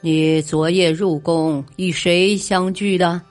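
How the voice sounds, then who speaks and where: 女声演绎的暴怒的古代国君. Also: female voice, fairly low pitch, steady tone, takes it slowly, faint music behind. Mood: suspicious. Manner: scolding, raised and sharp. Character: furious male ruling duke confronting his wife.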